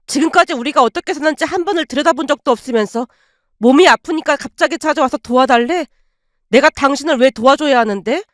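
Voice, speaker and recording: A woman voicing a bitter, angry middle-aged mother who answers in sharp, curt retorts. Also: sits high, fast talker, no echo, studio quality, close to an everyday voice.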